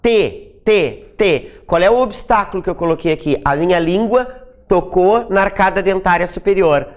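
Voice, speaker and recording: A woman's voice: lowish voice, brisk. A woman teacher giving an exam-prep lecture, explaining step by step, checking in with her class after almost every phrase and sounding out example sounds, with chatty asides. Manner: sounds out speech sounds to demonstrate; chatty asides with dry humor.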